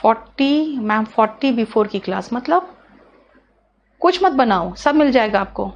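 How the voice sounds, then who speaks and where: A woman with a high voice runs a live online English class. She explains legal words in Hindi mixed with English terms, talking quickly and chattily and repeating key words as she goes. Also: animated, lo-fi sound, slight background noise. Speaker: English teacher.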